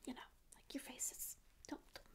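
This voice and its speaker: Speaking at normal speed in a voice close to her everyday one, a woman performs a cranky, ancient sleep paralysis demon who quietly cares. The grumpy ASMR roleplay is whispered sarcastically and mock-rudely right into a close mic in a small, dim room.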